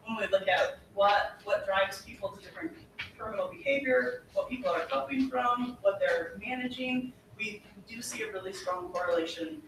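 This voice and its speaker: A policy presenter giving a formal, explanatory briefing to a legislative committee, earnest and often pausing on fillers. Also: mid-range voice, a bit bright. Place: legislative hearing room. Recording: echoey hearing room from far off, with background noise.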